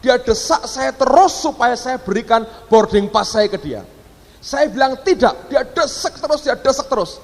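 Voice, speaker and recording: Man, pastor, animated storytelling sermon, acts out voices, reverberant church hall. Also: very high-pitched, moderate pace. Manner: animated, acts out quoted voices, addresses congregation as "saudara".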